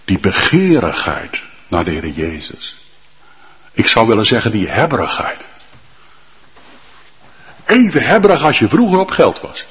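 A male pastor preaching a sermon with fervent emphasis and drawn-out, emphatic lists. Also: fairly low pitch, sing-song, in a large hall, muffled recording.

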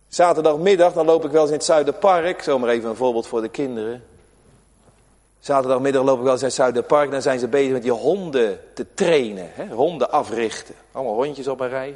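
A man preaching a sermon as pastor, swinging between loud emphatic calls and quiet asides. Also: mid-range voice. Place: church. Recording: reverberant church hall.

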